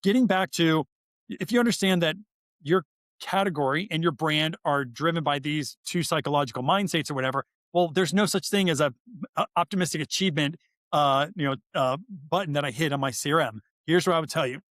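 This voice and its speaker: On a podcast, a guest expert who is an author and behavioral scientist explains ideas conversationally, emphatic and informal, repeating words for stress. His voice is fairly high and bright, a little fast, with no room sound.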